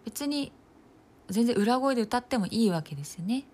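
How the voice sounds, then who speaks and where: A young woman in her twenties chatting casually on her own, thinking aloud as she goes, with plenty of fillers and the odd soft laugh. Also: on the high side, lively intonation, normal speed. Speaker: nursing student podcaster. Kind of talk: casual solo talk.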